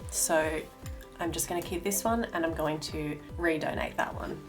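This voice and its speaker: A young woman chatting casually at home as a vlogger, relaxed and a little rambling, catching and correcting herself as she goes. Her voice sits on the low side for a woman. Soft music plays faintly underneath. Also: normal speed. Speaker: lifestyle vlogger. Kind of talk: casual vlog talk and voice-over. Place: at home, in a wardrobe room.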